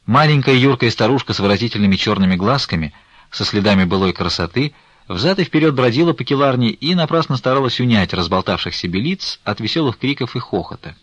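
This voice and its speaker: A male narrator reading a classic novel with expressive, lively intonation. The recording is dry, with a somewhat dull, muffled tone. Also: medium pitch, quick pace, dry recording. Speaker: audiobook narrator.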